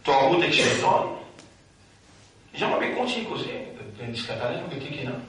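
A man preaching a Ramadan sermon, swinging between loud declarations and quiet asides, recorded from far off in an echoing hall. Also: fairly high pitch, very animated, brisk.

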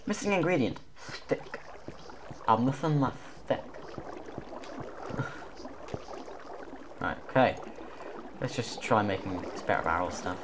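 A man giving let's play commentary as a gaming YouTuber, excitable and self-mocking with sudden loud outbursts. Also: mid-range voice, slow, pauses often, background noise.

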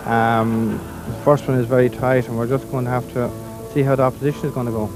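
A man's voice: medium pitch, level tone, quick pace, music in the background, poor audio. An Irish man in his thirties, a rally driver giving casual interview answers into a handheld microphone in the street. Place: outdoor street at a rally start.

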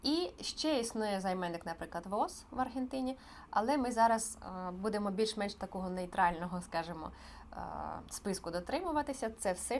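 Female teacher, mid pitch, patient and clear delivery, home recording with faint hiss. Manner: clear, patient explaining with frequent pauses. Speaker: Spanish teacher. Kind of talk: online language lesson.

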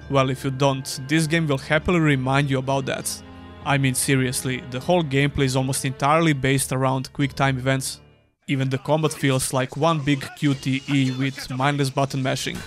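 A man's voice: medium pitch, flat delivery, moderate pace, faint music behind. Sarcastic young man reviewing games. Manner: dry, sarcastic. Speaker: gaming YouTuber. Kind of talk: scripted game review voice-over.

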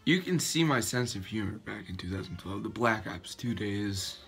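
Laughing at himself in a chatty, self-deprecating way, a teenage boy makes a casual reaction vlog for YouTube from his bedroom. He talks at a moderate pace with fairly low pitch, lively intonation and vocal fry. Faint background music plays, and the sound comes from a built-in webcam mic held at arm's length.

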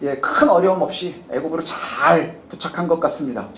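A man delivers a sermon with a high-pitched voice, questioning his listeners as he goes. He puts on the pleading tone of people praying. The recording is roomy and echoey, with a faint hiss underneath. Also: fairly quick, a bit bright. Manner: asks the congregation questions, acts out prayers in a higher voice. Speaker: pastor.

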